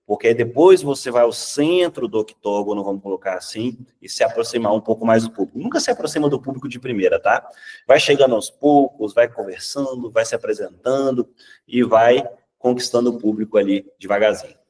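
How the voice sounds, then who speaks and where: With a Brazilian Portuguese accent and a medium-pitched voice, a man teaches public speaking at a slightly fast clip. He's lively and conversational, checking in with "tá?" and acting out examples in changed voices. The recording is distant.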